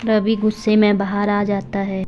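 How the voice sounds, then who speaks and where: A woman reading scripted story narration in a plain, even storytelling voice, on a dull lo-fi track with faint music behind. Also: medium pitch, measured pace. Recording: dull lo-fi audio with soft music.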